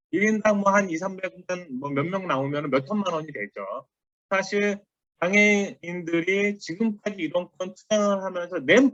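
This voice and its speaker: Lively-pitched man giving a lecture. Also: dry recording. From South Korea. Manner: conversational, quotes others, lively emphasis. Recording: dry, dull lo-fi audio.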